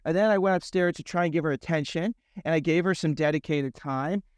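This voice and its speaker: A middle-aged man hosting a podcast, telling a personal story in a rambling, animated way with many restarts. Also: fairly high pitch, fairly quick, clear, resonant tone, dry recording, clean studio sound. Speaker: podcast host. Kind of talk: casual conversation.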